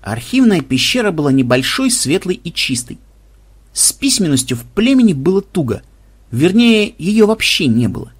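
A man narrates a humorous adventure audiobook with ironic, expressive delivery. His voice is a touch husky and moves through a wide, lively pitch range. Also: normal speed. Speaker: audiobook reader. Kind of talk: scripted narration.

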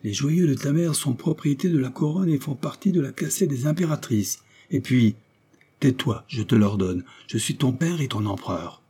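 A man's voice: medium pitch, lively intonation, moderate pace, dark tone, husky, voice pushed up. A man reading an audiobook voices a stern old emperor scolding his son, with a big nasal voice and a commanding manner. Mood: domineering. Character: angry old male emperor, stern father.

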